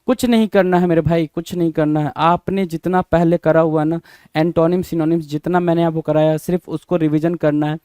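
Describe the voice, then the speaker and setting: A man's voice: on the high side, fairly even intonation, fairly quick, dark tone, clear, resonant tone, no echo. A man teaching English vocabulary for exam prep in a casual style, repeating words, spelling them out letter by letter and answering his own questions. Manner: informal, addresses students as brother. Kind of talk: exam-prep lesson, call and response.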